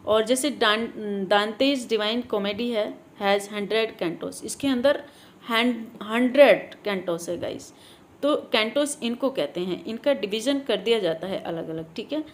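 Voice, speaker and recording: A woman teacher running an exam revision class on literary terms, mixing Hindi and English, reading English definitions slowly and often adding "guys". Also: a little high, slight background noise. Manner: often adds "guys" and "theek hai".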